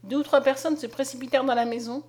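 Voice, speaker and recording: A woman narrating a story aloud in a dramatic, expressive reading. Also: high-pitched, fast talker. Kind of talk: scripted audiobook narration.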